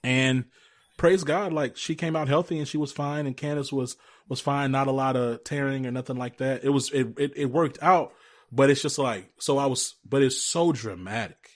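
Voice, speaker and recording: A man hosting a podcast interview, telling a personal story in a casual, animated, chatty way full of restarts. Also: medium pitch, normal speed. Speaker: podcast host.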